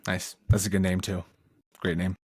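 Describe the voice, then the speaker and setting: A man's voice: low voice, little pitch movement, normal speed, a little mellow, husky, dry recording. A man co-hosting a casual podcast, joking and laughing often as he calls for the next pick. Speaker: podcast co-host. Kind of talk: casual chat.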